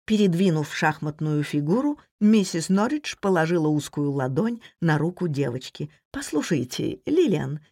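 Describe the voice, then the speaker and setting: A woman narrating an audiobook in a measured, expressive reading. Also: low voice, dry recording, clean studio sound. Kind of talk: scripted narration.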